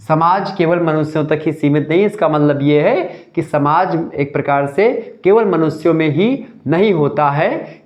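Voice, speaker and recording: A man's voice: on the high side, lo-fi sound. A man giving a live sociology lecture, explaining step by step and repeating the key points. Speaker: sociology teacher.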